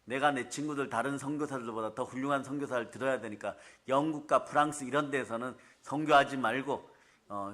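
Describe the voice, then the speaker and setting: A man preaching a revival sermon in a church, telling a story with lively, acted-out scenes. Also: a little high. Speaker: pastor. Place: church sanctuary.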